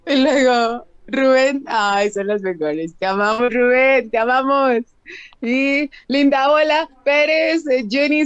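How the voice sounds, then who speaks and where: A woman's voice: fairly high pitch, dry recording, muffled recording. A woman with a Mexican accent co-hosting a casual live stream, giggling as she reads out viewers' greetings.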